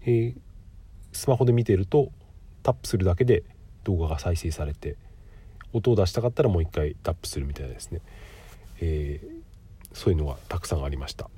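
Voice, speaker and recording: A middle-aged man with a cold does a solo podcast in a polite, explanatory manner. His voice sits low and is warm, husky, nasal and stuffy. He sounds animated and fairly quick, pausing often, with frequent filler pauses throughout the casual talk.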